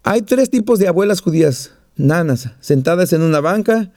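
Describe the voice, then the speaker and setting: High-voiced joking preacher man. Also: lively intonation, moderate pace, darkish tone, dry recording, studio quality. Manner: joking storyteller, plays out little voices. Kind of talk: sermon.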